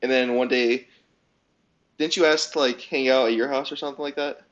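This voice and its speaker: Teen man, podcast co-host, teasing, quick to laugh, mid pitch. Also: fairly even intonation, fairly bright tone, dull audio. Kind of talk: casual chat.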